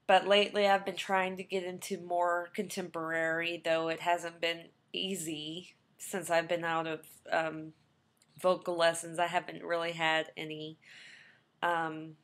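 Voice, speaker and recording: Lowish and fairly bright, the voice belongs to a young adult woman, a trained singer, casually describing her background to a webcam. Her talk rambles, full of ums and restarts.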